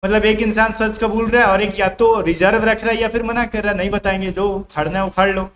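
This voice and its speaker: High-pitched male tutor, chatty lecture style with rhetorical questions, recorded in an echoey room. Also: level tone, fairly quick, fairly bright tone. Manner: explains by acting out everyday scenes, asks rhetorical questions. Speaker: exam-prep English teacher. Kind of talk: casual classroom-style lecture. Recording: echoey room with faint background noise.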